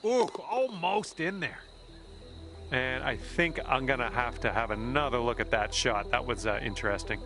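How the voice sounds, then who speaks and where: A man's voice: mid-range voice, steady tone, fairly quick, hardly any pauses, over music, close to an everyday voice. A man playing an upbeat, easygoing golf commentator in a video game, calling shots conversationally with exclamations. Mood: dismayed, wry. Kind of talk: sports commentary.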